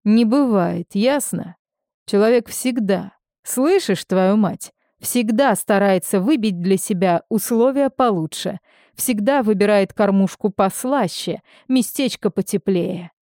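A hard-bitten, cynical ex-convict man, read by a woman narrator in an audiobook, murmuring low and coaxing before turning harsh. The delivery is slow and unhurried, with a mellow, darkish tone. It is recorded close and dry, with no room sound. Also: no echo, natural voice. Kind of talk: audiobook character reading.

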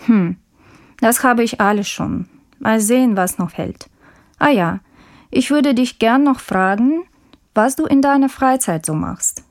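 A woman's voice: fairly high pitch, expressive, a little slow. A woman playing a polite, curious course student. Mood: friendly, curious. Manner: polite, clear, careful diction. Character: friendly woman course student interviewing a classmate. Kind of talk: scripted textbook dialogue.

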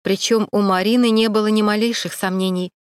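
A woman reading a detective novel aloud in even, clear storytelling. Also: mid-range voice, fairly quick, dry recording, studio quality. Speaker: audiobook narrator. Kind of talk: scripted narration of a detective novel.

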